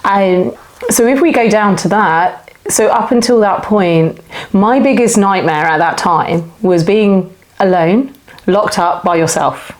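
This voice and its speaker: A woman's voice: medium pitch, measured pace. Open, reflective woman in her forties. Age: 40s. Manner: reflective, open, speaks in short flowing phrases. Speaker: guest. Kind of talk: candid personal storytelling.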